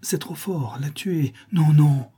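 A man's voice: medium pitch, brisk, mellow, slightly rough. A man voicing a frightened young boy accomplice in an audiobook, anxious and pleading. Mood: fearful.

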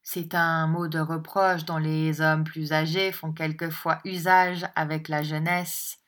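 Slow, low-voiced woman narrator. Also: flat delivery, a bit bright. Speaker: audiobook narrator. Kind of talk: scripted narration of a classic novel.

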